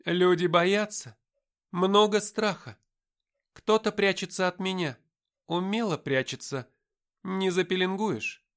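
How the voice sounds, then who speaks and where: A man's voice: sits high, slow pace, fairly bright tone, voice pushed up, full character voice. A man voicing an imperious female angel. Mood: entranced. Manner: commanding, solemn.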